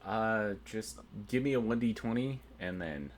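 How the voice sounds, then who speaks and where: A man's voice: lowish voice, expressive, measured pace. A man narrating a tabletop game as game master, methodically explaining rules and dice rolls.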